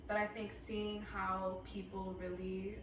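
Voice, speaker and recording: A woman in her twenties from Atlanta speaks in a measured, steady way as a guest in a casual chat. Her voice is distant and roomy, with clear background noise. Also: medium pitch. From Atlanta, Georgia. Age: 20s. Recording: echoey room, mic far off, noisy.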